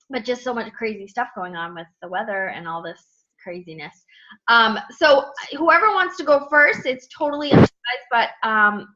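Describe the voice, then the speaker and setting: A woman's voice: mid-range voice, pushed and bright. A woman hosting an online group call in a casual, informal, emphatic way with loosely wandering sentences. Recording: muffled lo-fi online call audio.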